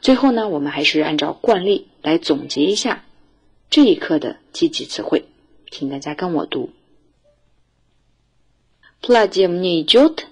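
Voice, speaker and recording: A woman teaching a recorded language lesson, her voice lower and a little husky. She explains each point with a lively, rising and falling tone, then reads model sentences slowly for the class to repeat.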